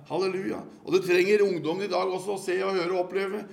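A man's voice: high voice, level tone, vocal fry, darkish tone. An older man from Norway preaching a sermon in an earnest, storytelling manner.

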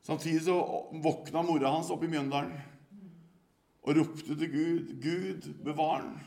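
A man's voice: a little high, a little mellow. An older man from Norway preaching a sermon in an earnest, storytelling manner.

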